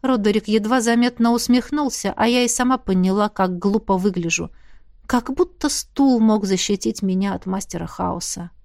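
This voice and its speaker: A woman narrating a fantasy audiobook in the first person, reading in a measured, expressive way. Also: mid-range voice, dry recording, clean studio sound.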